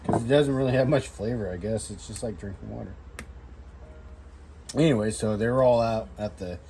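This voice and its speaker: A man's voice: fairly low pitch, moderate pace, warm tone, a little hiss or hum, low-quality recording. A man chatting casually as an outdoor vlogger while he works, a bit tipsy and loose, self-deprecating and salty-tongued. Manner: tipsy, loose drinking talk. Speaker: outdoor vlogger demonstrating fire starting. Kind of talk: casual rambling chat while doing a task.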